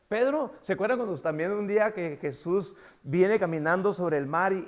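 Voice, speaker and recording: A man with a Mexican Spanish accent preaching a sermon as pastor, animated, acting out dialogue with big swings from loud to soft. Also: high-pitched.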